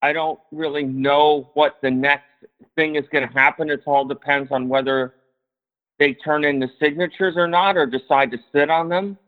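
A man with a fairly high, steady voice calls in over a choppy phone line, speaking at a moderate pace. As the caller in this casual chat, he rambles and hedges, throwing in the occasional swear word.

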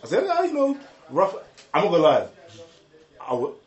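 A young man telling an excitable, slangy story with lots of repeated words and laughter. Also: high voice, moderate pace, echoey room, dull audio. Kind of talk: animated casual storytelling.

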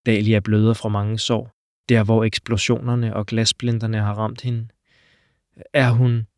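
A man narrating an audiobook, steady and measured in his delivery. His pitch sits in an ordinary middle range. The recording is dry, with no room echo.

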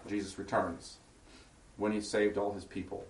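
A man's voice: lowish voice, level tone, moderate pace. A man teaching an informal Bible study to a small group, reading scripture aloud and explaining it in casual asides and questions to the group. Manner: asks the group check-in questions. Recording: echoey room, voice far from the mic.

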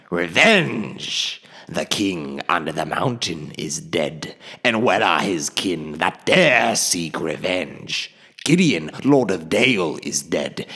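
A man voicing an ancient, huge, boastful male dragon in an audiobook reading, slow and grandiose, swelling to sudden booming lines. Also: pushed and bright, husky, big-room sound, heavily acted.

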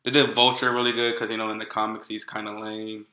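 A laid-back man chats about movies in a casual, slangy way. His voice sits fairly low but sounds very bright and sharp. The room around him is echoey. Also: flat delivery, fast, a little hiss or hum.

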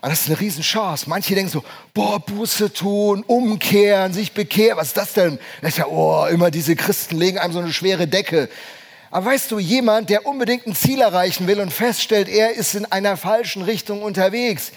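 A man in his fifties preaches a sermon in a notably high voice. He speaks with emphasis and keeps asking his listeners questions as he drives each point home. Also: brisk. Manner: emphatic, asks the congregation questions. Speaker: pastor.

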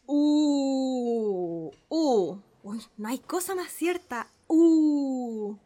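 Woman playing a gushing naive middle-aged man, high voice, swooping delivery, dramatic reading. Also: animated, drawn-out words, mellow, heavily acted. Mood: awed, eager. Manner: gushing, repeats sounds with wonder. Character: naive middle-aged male social climber, eager. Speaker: reader playing a pupil.

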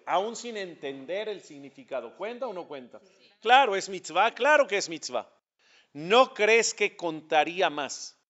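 A man's voice: fairly high pitch, fairly bright tone. A man teaching a religious lesson as a rabbi, asking questions and answering them himself. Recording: dull lo-fi recording.

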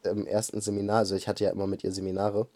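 A woman in casual chat, telling a story in a relaxed way with fillers. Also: a bass voice, very fast.

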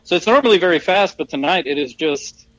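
A man with a slightly high, fairly bright voice and lively intonation co-hosts a podcast in easy chat. His speech wanders, stops and self-corrects, with the sound of a phone call over a bad connection.

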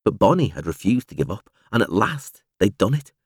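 A male audiobook narrator reads literary fiction aloud with a measured, expressive storytelling style. His husky voice sits on the low side, and the dry recording has a clean studio sound.

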